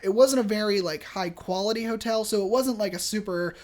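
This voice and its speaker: A podcast host casually telling a work story, animated and chatty, acting out the people in it. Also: medium pitch, brisk. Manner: chatty, many fillers and restarts.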